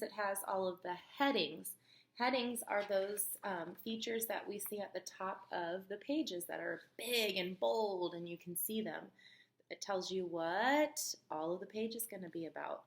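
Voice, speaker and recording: Using a mid-range voice, a female teacher reads to young children, making the reading expressive and educational while asking the listener questions.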